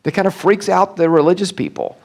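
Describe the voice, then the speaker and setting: A middle-aged man, a senior pastor giving an animated, conversational church talk that often slips into acted-out quoted voices. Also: high-pitched, fairly quick, creaky. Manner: animated, acts out quoted voices, many restarts and fillers.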